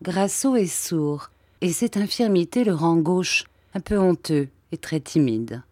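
A woman reading a short story aloud in a measured, deliberate narrating voice. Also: on the low side, expressive, darkish tone, no room sound. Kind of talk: scripted narration.

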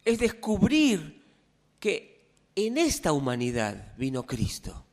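Brief: male pastor, conversational sermon, slow and measured, lots of questions to the pews. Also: a little high, huge pitch swings, a little mellow. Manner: conversational, asks the congregation questions. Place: church.

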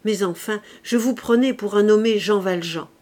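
A woman reading an audiobook, voicing a grave male police inspector who speaks coldly and sadly in a measured way. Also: medium pitch, darkish tone, natural voice. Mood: solemn. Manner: cold, sad, measured delivery.

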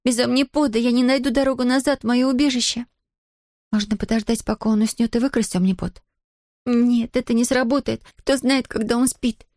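A woman voicing a spirited, stubborn nine-year-old girl in an audiobook, with high, indignant outbursts. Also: fairly even intonation, brisk, darkish tone, no room sound, clean studio sound, close to an everyday voice. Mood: fretful. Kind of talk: audiobook character voice.

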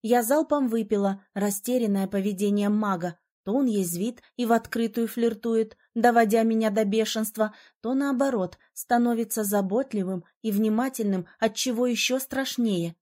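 A woman reading a first-person story aloud as audiobook narrator, with expressive, emotional delivery. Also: on the high side, normal speed, few pauses.

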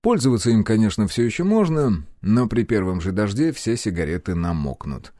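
A man narrating a first-person audiobook in a measured, calm storytelling manner. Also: fairly low pitch, dry recording, studio quality.

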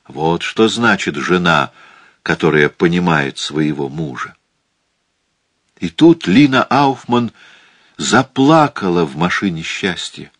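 A man reading a novel aloud as an audiobook narrator, measured and steady. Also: low voice, no room sound, studio quality. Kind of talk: scripted literary narration.

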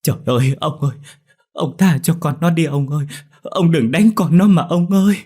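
A man voicing a desperate village mother who wails and pleads in a high shouting voice, in a horror story reading. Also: normal speed, husky. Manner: wailing and pleading.

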